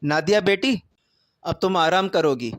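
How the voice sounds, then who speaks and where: Jealous older mother-in-law, taunting tone, high pitch, dry close sound, voiced by a male narrator. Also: fairly bright tone, dry recording. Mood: overjoyed. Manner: taunting, sarcastic.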